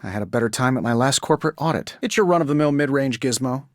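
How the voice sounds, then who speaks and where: Actor as glib, animated Iron Man. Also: medium pitch, fast talker, dry recording, studio quality, lightly acted. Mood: glib, conversational. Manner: glib, sarcastic, conversational. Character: wisecracking, cocky genius inventor superhero in armor. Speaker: video game voice actor. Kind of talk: video game character voice lines.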